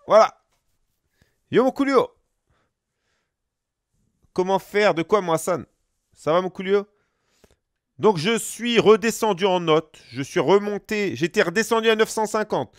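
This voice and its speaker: Chatty higher-voiced gaming streamer man. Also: animated, a little slow, long pauses, no echo, clean studio sound. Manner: chatty, slangy, keeps greeting chat viewers by name. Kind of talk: casual live-stream gameplay commentary.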